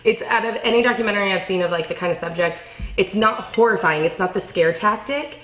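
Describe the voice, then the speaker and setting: A woman's voice: mid-range voice, fast talker, fairly bright tone, roomy sound, low-quality recording. A young woman chatting casually at home while eating, rambling and self-deprecating with lots of fillers. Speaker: vlogger. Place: home kitchen.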